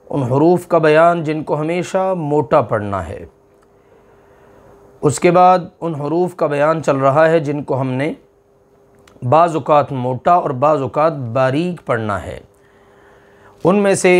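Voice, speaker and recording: An older man teaching a recitation lesson, slowly repeating example syllables one by one. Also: on the high side. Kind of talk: classroom lesson.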